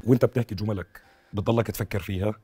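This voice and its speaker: A man's voice: on the low side, steady tone, rapid-fire, warm tone, breathy edge. A man in his thirties with a Levantine Arabic accent, presenting and interviewing as a TV talk show host. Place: TV studio. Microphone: lapel.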